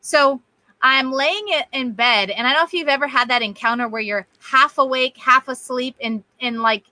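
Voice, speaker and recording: A woman telling a spiritual story in casual chat, animated and quoting voices as she goes. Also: high-pitched, normal speed, no echo. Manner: animated, quotes voices, laughs easily. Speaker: guest sharing testimony.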